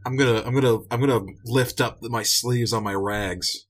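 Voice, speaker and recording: A man's voice: mid-range voice, fairly even intonation, moderate pace. A man playing a tabletop role-playing game, chatting casually and informally as he says what his character does. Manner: informal, sweary.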